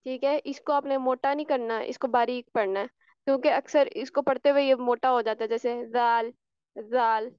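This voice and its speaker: A tajweed teacher with a high, smooth, clear voice leads an online recitation class, repeating each sound to demonstrate it and often checking that students follow. Her intonation is fairly even and her pace fairly quick, and the audio is dry and a bit dull, like a call mic.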